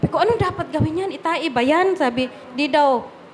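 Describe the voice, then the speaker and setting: Older woman, grandmother, church testimony, very high voice, emotional storytelling. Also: a little fast, slight background noise. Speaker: church member giving testimony. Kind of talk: spontaneous spoken testimony.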